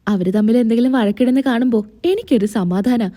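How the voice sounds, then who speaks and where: A woman's voice: on the high side, quick pace, mellow, lightly acted. A woman voicing a scheming, jealous young woman who grumbles sulkily. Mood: grumbling. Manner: sulky, grumbling.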